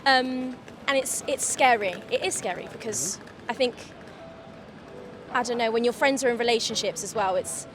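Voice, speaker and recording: A woman's voice: fairly high pitch, moderate pace. Hesitant young woman, music behind. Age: young adult. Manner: hesitant, many fillers. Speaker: street interviewee. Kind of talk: casual street interview.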